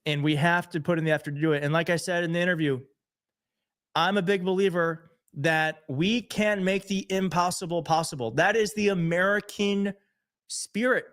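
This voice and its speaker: A young male host talks to his live-stream audience in an earnest, openly emotional way. His voice sits a little high, and he speaks with heartfelt warmth about what he believes in. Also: steady tone, moderate pace. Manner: emotional, earnest, self-deprecating. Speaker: show host.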